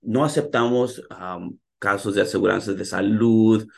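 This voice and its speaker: A man's voice: fairly low pitch, steady tone, unhurried, gravelly, darkish tone. A middle-aged man from California who grew up in Houston, a chiropractor guest speaking hesitantly with many fillers. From born in California, raised in Houston. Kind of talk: radio interview in Spanish.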